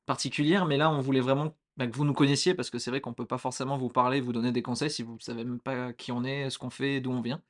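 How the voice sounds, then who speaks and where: A young man co-hosting a casual chat podcast, relaxed and hesitant, with many fillers. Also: mid-range voice, quick pace, few pauses. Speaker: podcast co-host.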